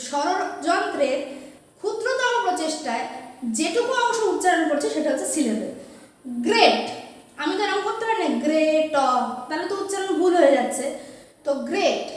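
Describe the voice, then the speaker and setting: A woman teacher giving an exam-prep grammar lesson, dictating examples slowly and answering her own questions. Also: extremely high pitch. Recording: echoey room, voice from a distance.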